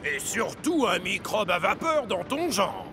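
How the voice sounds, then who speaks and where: A man voicing a bossy, conceited diesel locomotive with a gravelly, condescending, mocking cartoon delivery. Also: high voice, very animated, measured pace, music in the background. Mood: sneering. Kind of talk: children's cartoon dub acting.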